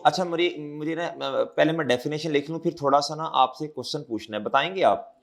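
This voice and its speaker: A man's voice: a little high, a little fast. A man with a sore throat, giving a classroom accounting lecture and repeating his questions back to the students.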